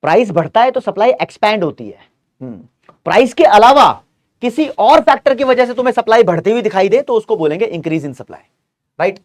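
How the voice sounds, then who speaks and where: A man's voice: high-pitched, sing-song, a little fast. Man teaching an exam-revision class. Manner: explains step by step, checks in often with "right?" and "dekho ji"; repeats key terms for emphasis. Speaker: commerce teacher. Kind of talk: online exam-revision lecture.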